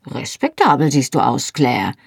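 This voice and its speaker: A narrator voicing a brisk Scottish sister. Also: medium pitch, huge pitch swings, gravelly, breathy edge, no room sound, clean studio sound, heavily acted. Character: young Scottish woman, brisk and practical.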